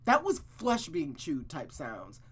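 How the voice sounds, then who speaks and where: Slowly and huskily, a man with a fairly high voice reads through a visual novel on stream. He tells the story with drama, reacts expressively, swears in offhand asides, and trips over lines he then rereads.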